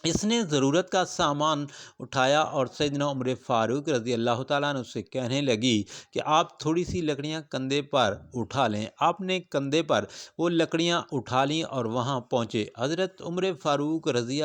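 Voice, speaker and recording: Man telling a dramatic sermon story. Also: mid-range voice. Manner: dramatic, exclaiming with rising fervor. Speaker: religious storyteller.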